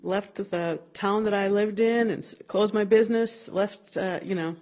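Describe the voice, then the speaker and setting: A woman with a Minnesotan accent talks in a chatty, friendly way, pausing on small fillers as she remembers. Her voice sits at an ordinary pitch for a woman, in an oral history conversation with an old friend. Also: fairly even intonation, darkish tone. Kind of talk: casual recorded conversation.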